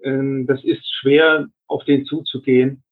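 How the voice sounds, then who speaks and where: Older man, retired pilot, interview guest, flat delivery, husky, phone line sound. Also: medium pitch. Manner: measured, advisory, frequent restarts. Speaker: retired cargo airline captain, interview guest. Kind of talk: reflective interview answers.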